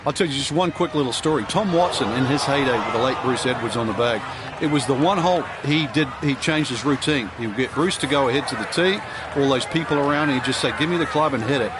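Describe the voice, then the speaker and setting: A man's voice: mid-range voice, quick pace, background noise. A man working as a golf analyst, giving informal, conversational commentary in an anecdotal way.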